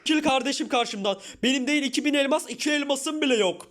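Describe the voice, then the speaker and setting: A man's voice: very high voice, fast talker, fairly bright tone. A man voicing an exasperated, short-tempered young newcomer in a Minecraft parody, grumbling and sighing at everyone in his way. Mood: fed up. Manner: grumbling, sighs "tövbe tövbe".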